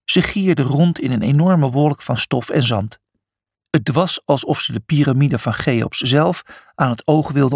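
A man's voice: on the high side, slightly rough, no room sound, clean studio sound. A man narrating a children's adventure story, reading expressively.

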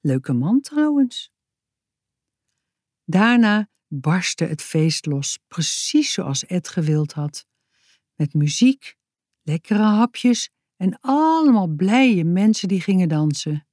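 A woman author reading her own children's story aloud, slow and expressive. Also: lowish voice, no room sound, clean studio sound.

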